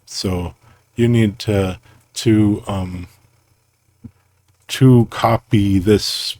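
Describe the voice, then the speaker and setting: Rambling, playful man, deep and unhurried, stops and restarts as he thinks, dry sound. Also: darkish tone, no echo. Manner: halting, self-interrupting, playful, muses aloud. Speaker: creator explaining his own programming system. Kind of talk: casual rambling screen-recorded explanation.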